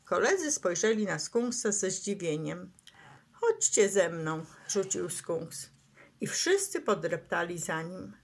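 A woman reading a bedtime story aloud to children in a gentle, expressive, unhurried way. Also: lowish voice, creaky, husky.

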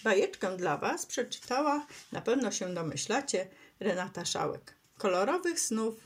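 A woman reading a bedtime story aloud to children in a gentle, expressive, unhurried way. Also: mid-range voice, slightly rough.

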